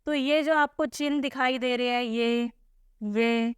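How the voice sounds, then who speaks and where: Casting note: woman teacher, fairly high and smooth, patient, quizzes and answers herself, close dry mic. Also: fairly even intonation, measured pace, no room sound. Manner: patient, asks and answers her own questions. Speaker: Hindi teacher. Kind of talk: explaining a textbook lesson.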